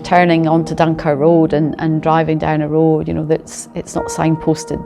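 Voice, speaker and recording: Low, gravelly woman golfer. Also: monotone, normal speed, music in the background. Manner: chatty, filler-heavy. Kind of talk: interview answers.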